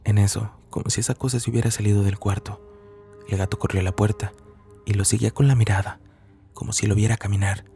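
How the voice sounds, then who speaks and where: A man reading a first-person horror story as scripted narration, measured and somber. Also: lowish voice, level tone, gravelly, dark tone, soft background music.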